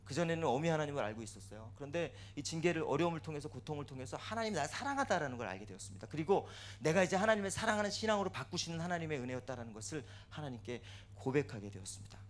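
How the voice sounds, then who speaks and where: A man's voice: a little high, very animated, rapid-fire, few pauses, slight background noise. A male pastor giving a tearful testimony sermon in a church, acting out his prayers aloud as he tells the story.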